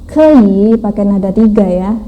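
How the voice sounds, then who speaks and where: A woman teaching a language class, explaining slowly step by step and mixing in English phrases. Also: mid-range voice, lively intonation, muffled recording. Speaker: Mandarin teacher. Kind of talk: online language lesson.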